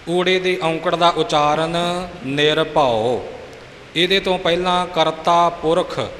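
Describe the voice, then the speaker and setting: A man with a Punjabi accent giving a patient pronunciation lesson, drawing out each word slowly to demonstrate it. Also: fairly high pitch, a bit bright. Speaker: Gurbani pronunciation teacher. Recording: echoey hall with faint hiss.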